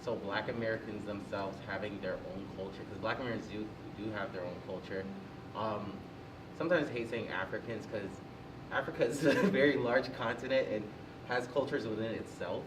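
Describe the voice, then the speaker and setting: A young adult man speaking as a student panelist in a casual discussion. He is thoughtful and hesitant, with many pauses and ums. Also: on the low side, steady tone. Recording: echoey room, distant mic, noise.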